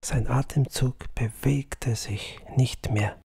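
A man narrates a literary audiobook slowly and in a hushed manner, sometimes almost whispering. His voice is gravelly, dark and husky. The recording is dry and close to the mic. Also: medium pitch, fairly even intonation, no room sound. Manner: slow, hushed, at times whispered reading.

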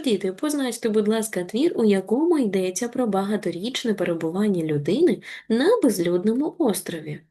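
A woman teacher giving an online reading lesson to young children, encouraging and deliberate, slowing down to spell out words. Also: medium pitch, dark tone. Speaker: primary school teacher.

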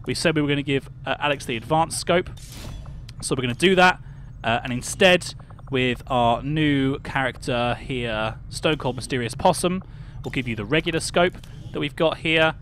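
A young British livestreamer chats with his audience while gaming, naming viewers as he greets them and voicing his thoughts. He speaks at a normal speed in a mid-range, slightly bright voice, with a bit of hiss or hum on the recording.

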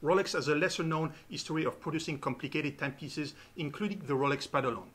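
A man in his thirties presents watch auction results to camera from a dark studio, earnest and pausing often with "uh" mid-phrase. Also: a little high. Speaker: host. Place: dark studio with shelves behind.

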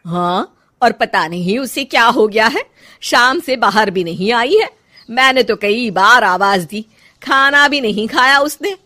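A fussy, caring older mother-in-law with a lively, sing-song voice, as a woman storyteller puts her on. She talks slowly and leans on her words. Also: fairly high pitch, exaggerated voice. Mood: fretful. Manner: fretful, then warmly proud.

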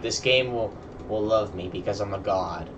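His lowish voice comes through a distant mic, with the highs cut off and background noise under loud game music. This young streamer talks at normal speed, casually narrating gameplay for viewers with boastful banter.

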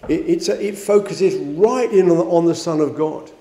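A man's voice: normal speed, warm tone. A man preaching a sermon, reading scripture aloud and explaining it with fillers and restarts. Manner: rises in pitch and volume on quoted verses. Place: church. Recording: echoey church hall.

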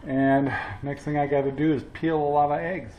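A man's voice: fairly high pitch, flat delivery. Easygoing older man in a roomy kitchen. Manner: easygoing, halting, chuckles often. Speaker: cooking channel host. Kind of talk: casual cooking demo. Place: home kitchen. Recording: roomy, slightly dull home audio.

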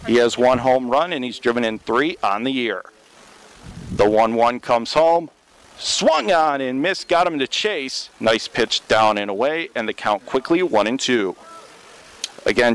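A young radio announcer handles play-by-play for a college baseball game in a steady, measured way, jumping higher in pitch when big plays happen; the audio quality is poor.

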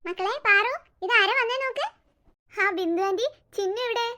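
A woman's voice: very high-pitched, moderate pace, bright, forceful tone. A woman voicing a busy, fussy cartoon mother who scolds and coaxes her daughter. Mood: fussing. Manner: scolding, coaxing. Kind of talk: cartoon voice acting.

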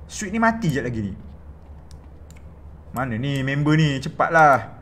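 A man's voice: mid-range voice, moderate pace, a little hiss or hum. A young Malaysian man streaming live, commenting on his gameplay and scolding the characters on screen. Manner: excitable, scolding the game characters, laughs a lot. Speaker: livestreaming gamer.

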